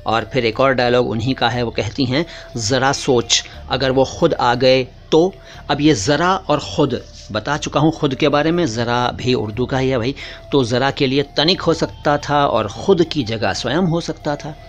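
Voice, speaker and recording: A man's voice: medium pitch, moderate pace, highs cut off. A man teaching word origins in a casual, patient lesson, often repeating key words and calling his viewers brother. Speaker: language teacher.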